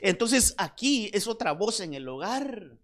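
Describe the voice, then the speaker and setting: A man's voice: high-pitched, sing-song, a bit bright. A man preaching a sermon as pastor, emphatic, repeating words and often calling the listeners "brother". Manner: emphatic, slows down on key points.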